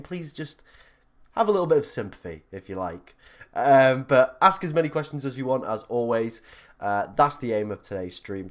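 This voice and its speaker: Croaky, under-the-weather male livestream host. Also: medium pitch. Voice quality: croaky, froggy voice. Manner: chatty, informal, self-deprecating. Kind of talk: casual livestream chat.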